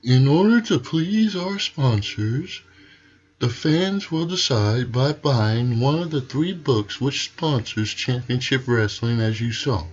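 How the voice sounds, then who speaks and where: A man's voice: mid-range voice, a little mellow, breathy edge, lo-fi sound. Man acting a blustering wrestling president cutting a promo. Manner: stern, emphatic, authoritarian. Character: blustering, indignant male wrestling federation president.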